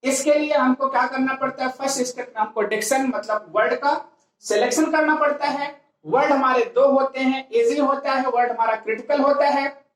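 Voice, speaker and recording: A woman's voice: high-pitched, steady tone, normal speed. A woman teaching English grammar in a classroom lecture, explaining step by step and asking herself rhetorical questions. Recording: very echoey classroom.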